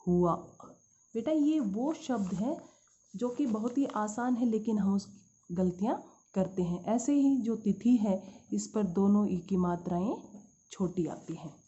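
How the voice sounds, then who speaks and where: A woman's voice: medium pitch, a little slow, warm tone. Hindi teacher woman, dull lo-fi recording. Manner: addresses students as "beta", asks and answers own questions. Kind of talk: spelling lesson for schoolchildren. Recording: dull lo-fi sound.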